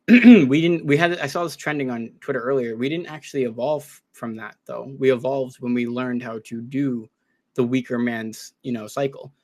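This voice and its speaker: Man, casual podcast talk, earnest, searching, restarts often, average pitch. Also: normal speed, darkish tone. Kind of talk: casual discussion.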